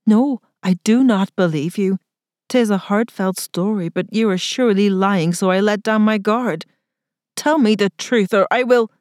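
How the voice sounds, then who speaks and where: A woman voicing a spirited young gentlewoman who speaks sharply and commandingly, with a thick accent. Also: mid-range voice, sing-song, normal speed, no room sound, studio quality, pitched above the performer's own voice, close to an everyday voice. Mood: defiant.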